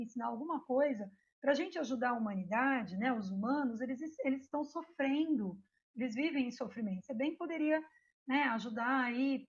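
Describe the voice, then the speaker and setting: A gentle goddess, as a woman puts her on who coaxes her husband in a wheedling tone. The voice is high, and the recording sounds dull and lo-fi. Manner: coaxing, wheedling. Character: coaxing goddess wife, gentle and persuasive.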